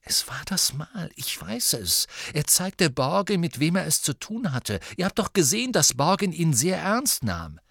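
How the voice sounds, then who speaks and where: A man's voice: a little high, very animated, unhurried, creaky, few pauses, fairly bright tone, husky, no echo, studio quality, voice pushed up, heavily acted. A male narrator voicing a stubborn, suspicious teenage boy in a storybook reading, pressing his point urgently. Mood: insistent. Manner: insistent, urgent.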